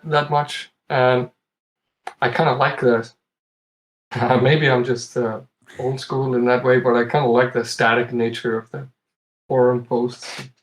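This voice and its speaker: This podcast guest is a competitive retro game player from Iceland with a mid-range voice, heard in a low-quality recording. Chatting casually, he tells stories and chuckles often along the way.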